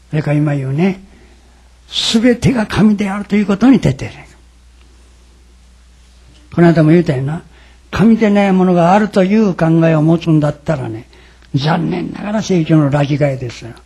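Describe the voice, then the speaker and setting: Gravelly older man. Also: fairly high pitch, moderate pace, long pauses, dark tone. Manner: folksy, dramatic retelling with quoted voices. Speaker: religious lecturer. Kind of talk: storytelling sermon.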